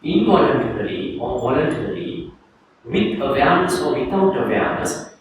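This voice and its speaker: A Sri Lankan man, a Buddhist monk, giving a calm dharma talk to a group and leading a guided reflection. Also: mid-range voice, normal speed. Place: teaching hall in Sri Lanka. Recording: echoey room, distant mic, faint noise.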